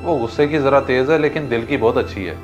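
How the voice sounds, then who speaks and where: An actor playing a kind, fair-minded rich master who calmly reasons with his wife. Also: mid-range voice, fast talker, highs cut off, soft background music, close to an everyday voice. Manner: calm, reasoning. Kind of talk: amateur drama acting.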